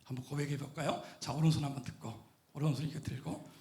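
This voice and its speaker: A middle-aged male pastor giving a lively sermon, questioning the congregation and shouting at the high points. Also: quick pace, roomy sound. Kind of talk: lively sermon with call-and-response. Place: church sanctuary.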